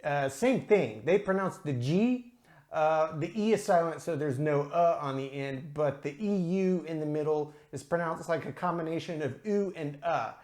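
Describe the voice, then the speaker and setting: Chatty man with a fairly high voice. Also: normal speed, a little mellow. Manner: chatty and explanatory, with frequent ums and uhs; careful with pronunciation, drawn out. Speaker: beer reviewer. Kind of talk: casual video review.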